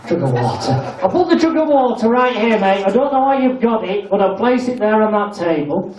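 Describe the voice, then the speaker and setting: Echoey, high-pitched British stage hypnotist man. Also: sing-song, brisk, a little mellow. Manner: commanding hypnotic instructions mixed with cheeky, blunt banter. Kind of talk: comedy stage hypnosis patter. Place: live comedy show on stage. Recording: echoey room, distant mic, audience noise. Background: audience crowd.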